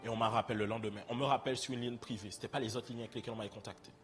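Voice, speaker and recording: A young man with a French Caribbean (Antillean) accent preaches a sermon, sharing his personal testimony conversationally and directly with the congregation. His mid-range voice is steady, very fast and fairly bright, with faint music behind him.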